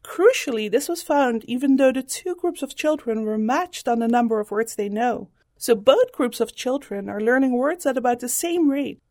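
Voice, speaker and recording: High-voiced woman professor explaining research. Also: darkish tone, dry recording, studio quality. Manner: measured, explanatory. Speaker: psychology professor. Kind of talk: scripted radio commentary.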